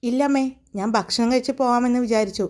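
A woman voicing a calm, kind young man talking gently to his mother in a storybook tale. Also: on the high side, fast talker, lightly acted.

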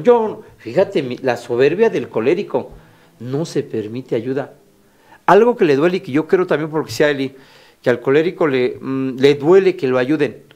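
A man's voice: fairly high pitch, a little mellow. A man with a Mexican Spanish accent co-hosting a radio talk show, speaking candidly and bluntly about himself and laughing often. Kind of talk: casual radio chat.

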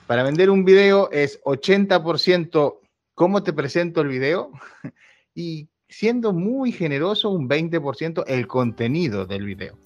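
A man's voice: a little high, animated, unhurried. A Uruguayan man in his thirties, a YouTuber talking candidly in an interview, laughing often and restarting his sentences. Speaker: YouTuber guest. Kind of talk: casual interview chat. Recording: dull lo-fi sound with faint music.

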